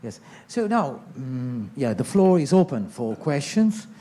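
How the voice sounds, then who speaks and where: Mellow-voiced man moderating a talk. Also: mid-range voice, sing-song, unhurried. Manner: polite, brief thanks before opening questions. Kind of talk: event moderation. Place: lecture hall.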